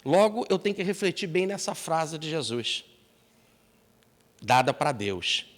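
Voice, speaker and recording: Expressive lecturer in a hall. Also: male voice, a little high, measured pace. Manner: expressive storyteller. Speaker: spiritist lecturer. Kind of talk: seminar sermon with storytelling.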